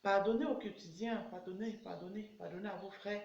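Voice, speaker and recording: A woman's voice: medium pitch, fairly even intonation, fairly quick, gravelly, a little mellow, slight background noise. A woman personal development coach giving an earnest motivational talk, repeating her exhortations. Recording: echoey room, dull lo-fi sound.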